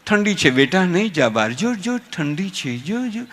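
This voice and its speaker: A man with a Saurashtra Gujarati accent voicing a fussing, overprotective village mother who coaxes softly. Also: high voice, animated, a little slow, full character voice. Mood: coaxing. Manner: coaxing, soft and cooing.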